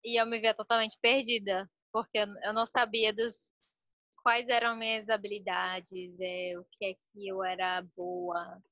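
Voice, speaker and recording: A woman's voice: mid-range voice, little pitch movement, a little slow, bright, forceful tone, no echo, muffled recording. A woman in a casual group discussion, speaking hesitantly and thinking aloud. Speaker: group participant.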